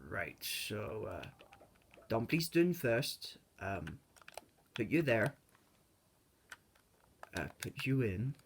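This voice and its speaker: A man's voice: fairly low pitch, sing-song, extremely slow, pauses often, a little hiss or hum. A man giving casual, rambling commentary over his own gameplay, joking and correcting himself as he goes. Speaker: gaming video creator. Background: keyboard and mouse clicks.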